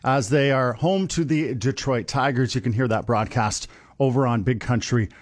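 A man working as a radio DJ, reading station news and ads in a loud, dense, punchy announcer delivery. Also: medium pitch, normal speed. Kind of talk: radio announcer patter and ad reads. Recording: music bed under the voice.

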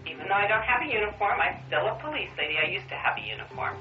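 A woman police officer gently questioning a young child, heard on an old archival interview tape, patient and repeating the child's answers back in simple words. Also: mid-range voice, lively intonation, rapid-fire, faint music behind. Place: interview room. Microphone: room recorder placed far from her. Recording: muffled distant roomy archival tape.

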